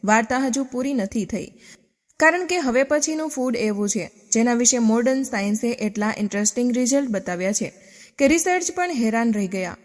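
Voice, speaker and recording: A woman's voice: fairly high pitch, expressive, a little fast, in a large hall. A woman narrating a scripted health explainer, asking rhetorical questions and then answering them. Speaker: health channel presenter.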